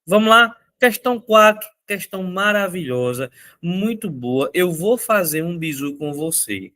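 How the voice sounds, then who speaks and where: Energetic male teacher. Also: high-pitched, measured pace. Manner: energetic, repeats key points, asks viewers questions. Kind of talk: exam-prep lesson.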